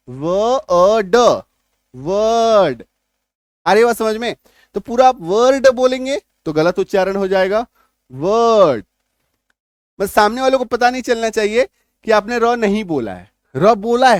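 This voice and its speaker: A man's voice: high voice, dry recording, studio quality. A man giving a spoken lesson as an English teacher, explaining step by step and often checking that the listener follows.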